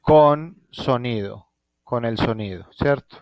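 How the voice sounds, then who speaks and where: A man's voice: medium pitch, takes it slowly, dry recording, dull audio. A Colombian man teaching a physics class online from home, thinking aloud and often checking in with his students. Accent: Colombian Spanish. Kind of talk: live online class lecture.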